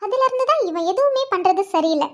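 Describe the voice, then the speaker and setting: A woman's voice: very high voice, expressive, fast talker, fairly bright tone, exaggerated voice. A woman voicing a fussy, teasing young wife in a cartoon, scolding and grumbling to herself. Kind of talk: cartoon voice acting.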